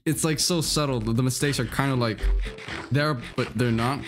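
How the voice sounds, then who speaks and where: A man chatting casually with friends while gaming, playful and quick to laugh. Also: mid-range voice, music in the background. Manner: playful, lively, laughs a lot. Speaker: friend on call.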